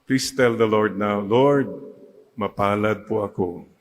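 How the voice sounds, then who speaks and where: Filipino priest preaching slow, keeps getting the church to repeat after him. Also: male voice, fairly low pitch, a little hiss or hum, poor audio. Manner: mixes Tagalog and English, leads the congregation in call-and-response. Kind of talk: sermon.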